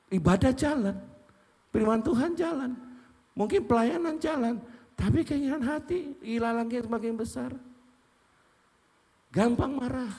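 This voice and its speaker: A male pastor preaching a sermon, emphatic, often asking and answering his own questions. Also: very high voice. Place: church sanctuary. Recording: long church hall reverb.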